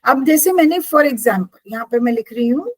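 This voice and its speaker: A woman's voice: high voice, animated, moderate pace, a little mellow, breathy edge, dry recording, rough recording. A woman teacher explaining poetry devices to a class, patiently checking in with her students.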